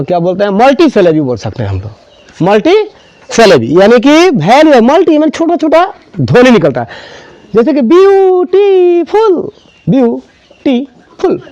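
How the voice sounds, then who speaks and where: A man teaching a grammar lesson, explaining step by step and slowly repeating key words for students. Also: high-pitched, a little mellow, no echo.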